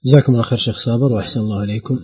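A man hosting a call-in radio show, briskly thanking the guest and announcing call-in details. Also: medium pitch, fairly even intonation, slightly rough, no room sound, dull audio.

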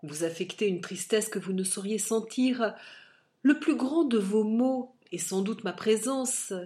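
A woman reading aloud, voicing a heartbroken young nobleman who pleads and reproaches in a slow, impassioned, declamatory way. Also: on the high side, darkish tone, voice pushed up, close to an everyday voice. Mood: bitter reproach.

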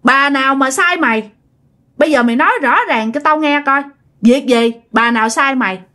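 A woman's voice: sits high, normal speed, pushed and bright. A woman voicing a stern male exorcist master who questions a spirit in a commanding way.

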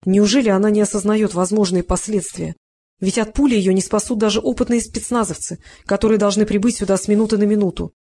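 Measured audiobook narrator. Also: medium pitch, steady tone, dark tone.

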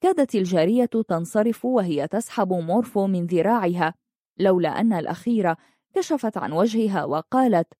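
A woman narrating a scripted story in a steady, measured reading. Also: medium pitch, dry recording, clean studio sound.

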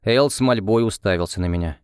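A man narrating a first-person fantasy audiobook in a measured storytelling manner. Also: on the low side, a little mellow, smooth, no room sound, studio quality.

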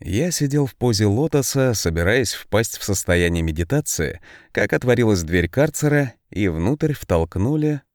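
Low, expressive male audiobook narrator. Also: normal speed, few pauses, no echo, clean studio sound.

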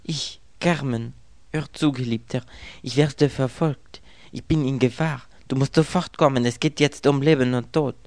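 A man's voice: on the high side, slow pace, few pauses, darkish tone, no echo, pitched above the performer's own voice. A man voicing a frightened young woman with a slight foreign accent who pleads urgently over the phone. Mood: pleading.

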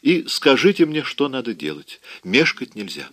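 A man's voice: mid-range voice, big pitch swings, moderate pace, a bit bright, no room sound, voice pushed up. A man voicing a self-assured, blunt man in an audiobook, speaking firmly. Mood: soothing. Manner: firm, commanding. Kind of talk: audiobook reading.

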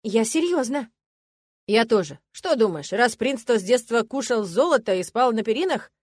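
A woman reading the part of a young male prince who answers in a calm, dry, joking way. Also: a little high, moderate pace, dry recording. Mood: teasing. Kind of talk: audiobook character reading.

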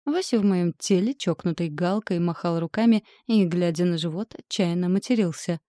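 A woman reads a first-person audiobook in a wry, steady voice. Her tone is low and mellow. The sound is close and dry. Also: normal speed, dry recording. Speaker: audiobook narrator.

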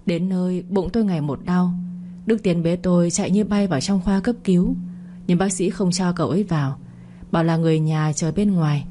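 A young woman tells a story in the first person, steady and unhurried in delivery. Her voice sits low for a woman and sounds mellow and soft-edged. A faint hum of noise sits underneath.

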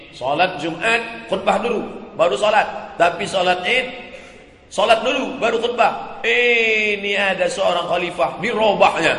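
A man's voice: mid-range voice, fairly bright tone. A man preaching a sermon with emphatic repetition, rhetorical questions and chuckling asides. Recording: echoey hall with long reverb.

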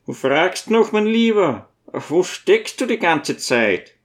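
A man voicing a gentle old priest who speaks in a mild, coaxing, earnest way. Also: high-pitched, big pitch swings, takes it slowly, voice pushed up, full character voice. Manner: soothing, earnest, coaxing questions.

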